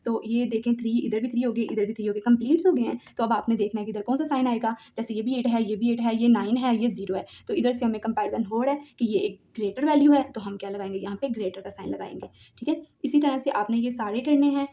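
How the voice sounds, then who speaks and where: A woman's voice: on the high side, fast talker, few pauses, warm tone. A woman teacher, giving a patient classroom lesson that repeats each step and mixes in English terms.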